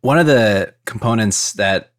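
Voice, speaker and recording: A man's voice: lowish voice, unhurried, no echo, studio quality. A man working as an interviewer, asking questions casually in wordy phrases with repeated words.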